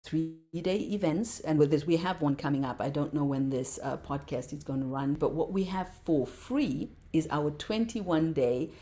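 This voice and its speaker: Low, mellow-voiced woman talking passionately. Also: normal speed, few pauses. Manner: passionate, repeats words for emphasis. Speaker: podcast guest, meditation teacher. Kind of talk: casual interview talk.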